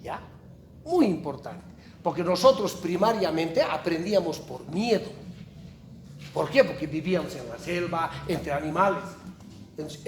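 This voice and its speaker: A man giving an animated university lecture, joking and asking the class questions. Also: high-pitched. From Bolivia. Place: large echoey classroom. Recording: echoey classroom from far off, noisy.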